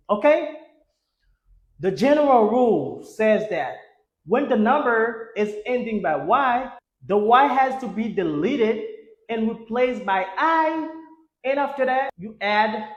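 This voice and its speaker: Slow, drilling Haitian male teacher. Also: very high voice, muffled recording. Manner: drills each word, repeating it three times; spells out letters and urges "let's go". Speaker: English teacher. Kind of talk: language lesson. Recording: echoey room.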